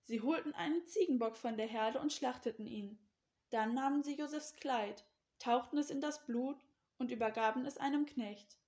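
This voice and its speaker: A woman with a fairly high voice narrates a Bible story for children. She reads slowly and clearly, in a gentle storytelling manner as leader of a children's church service.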